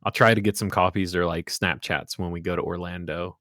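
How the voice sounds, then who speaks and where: A man's voice: sits low, brisk, no room sound, clean studio sound. A young man from West Virginia with a mild Hoosier accent, chatting casually on a podcast and telling folksy stories. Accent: Indiana Hoosier, faint West Virginia traces. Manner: relaxed storyteller, folksy sayings. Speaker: podcast co-host. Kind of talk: casual chat.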